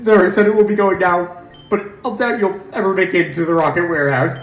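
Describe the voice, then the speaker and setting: A man's voice: high voice, steady tone, normal speed, faint music behind, voice pushed up, close to an everyday voice. A man voicing a cocky, defiant game villain's henchman with a sneering, exclamatory delivery in an echoey room. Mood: grudging, taunting. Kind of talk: dramatised game dialogue.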